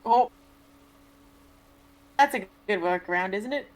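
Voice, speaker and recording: A woman joining a live stream as a co-host, chatting casually with quick quips, frequent giggles and free swearing. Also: medium pitch.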